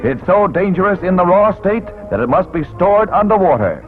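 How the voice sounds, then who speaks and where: A man narrating a 1940s wartime newsreel in a brisk announcer delivery with punchy quips, heard as old newsreel sound. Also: high-pitched, big pitch swings. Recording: tinny 1940s newsreel soundtrack with loud music.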